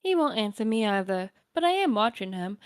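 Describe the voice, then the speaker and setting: A woman voicing a dry, sardonic teenage girl in a deadpan, wry manner. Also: medium pitch, brisk, dry recording, lightly acted.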